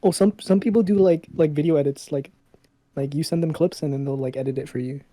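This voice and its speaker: A man's voice: a little high, quick pace, dark tone, no echo. A young man co-hosting a podcast, chatting casually with many fillers. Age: young adult. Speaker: podcast co-host. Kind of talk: casual chat.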